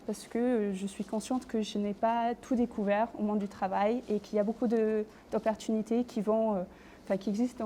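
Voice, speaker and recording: A woman's voice: fairly high pitch, warm tone, slight background noise. A young woman answering questions in an admissions interview, hesitant, with many fillers and self-corrections. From Australia. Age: young adult. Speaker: interview candidate.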